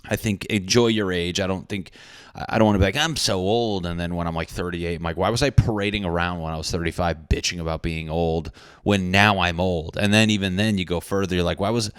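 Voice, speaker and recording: A man in his thirties talks alone on his podcast, rambling crudely and poking fun at himself. His voice sits low and comes across smooth and resonant. The sound is dry and close, with no room around it. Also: steady tone, brisk, dry recording. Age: 30s. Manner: rambling, crude and self-mocking. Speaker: podcast host. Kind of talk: casual solo podcast monologue.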